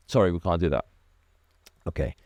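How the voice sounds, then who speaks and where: Brief: low, mellow male founder, animated storyteller, dry close sound. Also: normal speed, no room sound. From Iraq. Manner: animated storyteller, acts out quoted dialogue, many restarts. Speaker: car detailing business founder, guest. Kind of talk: casual interview chat.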